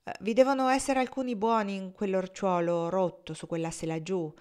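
A woman reading aloud, voicing a brisk, practical cook giving orders. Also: medium pitch, fairly even intonation, a little mellow, clean tone, lightly acted.

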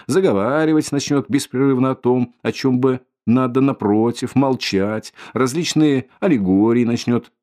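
A man's voice: medium pitch, normal speed, few pauses, warm tone, lightly acted. Man doing a sly fawning investigator. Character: sly fussy middle-aged male police investigator. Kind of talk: audiobook character voice.

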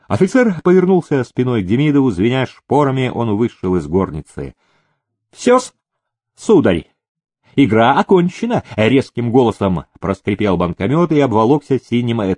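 Male audiobook reader, lively storyteller, dry close sound. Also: on the low side, no echo. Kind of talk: reading a historical novel aloud.

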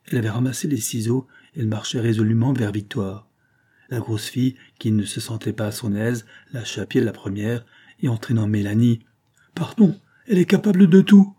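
A man narrating a classic novel as an audiobook in a steady, even storytelling delivery. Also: lowish voice, fairly quick, slightly rough.

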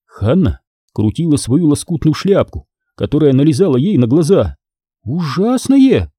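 Man, dramatic audiobook narrator, husky and dark, close dry mic. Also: on the high side, lively intonation, moderate pace, no room sound. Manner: dramatic, tense storytelling.

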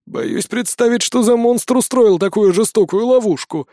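A man voicing a hostile gray-bearded old dwarf who shouts and speaks with contempt. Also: high-pitched, normal speed, no echo, studio quality, voice pushed up, close to an everyday voice. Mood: angry alarm.

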